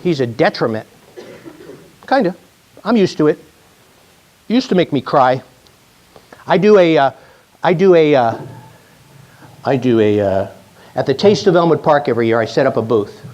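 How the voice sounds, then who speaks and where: A man's voice: a little high, lively intonation, normal speed, pauses often, a little mellow, highs cut off. A man in his sixties, a chiropractor giving a joking, chatty talk to a live audience, often restarting his sentences. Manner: chatty, self-mocking, with many restarts.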